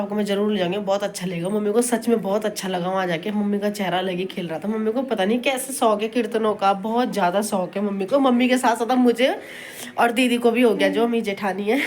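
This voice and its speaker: A young woman, chatting casually and at length in a home vlog, recorded on a phone with faint household noise. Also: mid-range voice. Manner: chatty, rambling, scolds a toddler between remarks. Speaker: vlogger.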